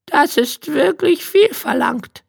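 A man reading a storybook, voicing a crafty but kindly old grandmother in a creaky falsetto with a fussing, sing-song manner. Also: expressive, takes it slowly, no echo, clean studio sound, full character voice. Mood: sympathetic.

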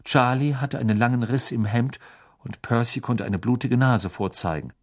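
A man narrating a storybook in a measured, expressive reading. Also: mid-range voice. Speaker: audiobook narrator.

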